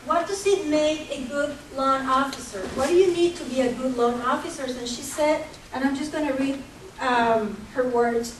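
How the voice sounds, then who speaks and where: A woman from gives an earnest, measured conference talk, pausing now and then with hesitations. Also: high voice. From Costa Rica. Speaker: conference presenter for a microfinance group. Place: conference hall. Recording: echoey hall, distant mic, faint hum.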